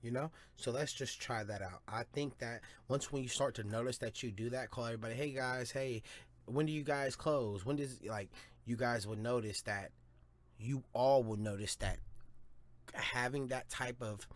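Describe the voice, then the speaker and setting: A man hosting his own podcast in a rambling, profane, hyped-up monologue. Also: medium pitch. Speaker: podcast host. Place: home studio or car, smoking a blunt.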